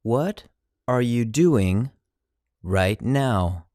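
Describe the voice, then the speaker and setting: An English teacher speaking phrases slowly in chunks and repeating each one. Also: medium pitch, animated, darkish tone, dry recording, studio quality. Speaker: language teacher. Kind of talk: slow drill of English phrases.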